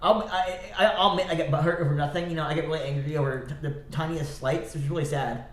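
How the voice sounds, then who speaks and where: Fairly even intonation marks this livestreamer's fast, wandering solo talk, which keeps breaking off into restarts and self-corrections. A stuffy nose and slightly scratchy throat color his somewhat high voice, and the room echoes.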